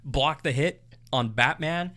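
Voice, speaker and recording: Man, podcast co-host, casual film chat, bright ringing voice, excitable, swears a lot. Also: a little high, slow. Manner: excitable, profane, swings loud and soft. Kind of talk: casual movie review chat.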